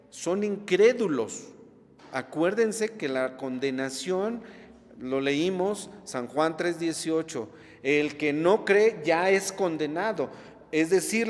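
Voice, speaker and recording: A man's voice: on the high side, long reverb tail. A man preaching a sermon, emphatic, repeating key words and checking in with the congregation. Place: church.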